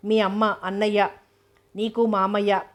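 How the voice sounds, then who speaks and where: A woman reading aloud, voicing a gentle male doctor who consoles his son in soft speech. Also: mid-range voice, level tone, measured pace, close to an everyday voice. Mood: tender.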